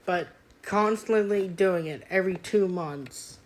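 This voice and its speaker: Streaming a game, an eighteen-year-old woman rambles in casual chat, full of fillers and throat clearing. Though her voice sounds youthful and childish, it sits on the low side and runs a little slow. Background noise can be heard.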